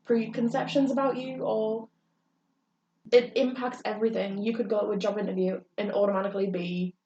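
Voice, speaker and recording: On a distant, roomy recording that's dull with faint hiss, a young English podcast co-host recounts her own experiences in candid chat. Her dark, mid-range voice is flat and fairly quick, and she comes across as earnest and rambling, often hesitating.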